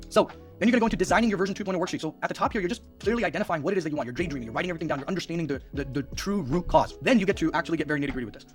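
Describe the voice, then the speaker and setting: A young man coaching viewers through a worksheet, energetic and repeating questions to press his points. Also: a little high. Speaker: life coach.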